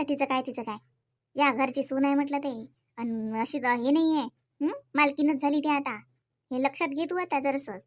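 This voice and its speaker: A woman with a Varhadi Marathi accent, narrating a comic cartoon and giving chatty, lecturing advice in a folksy way. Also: sits high. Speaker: cartoon narrator and main character. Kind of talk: scripted comic cartoon voice-over.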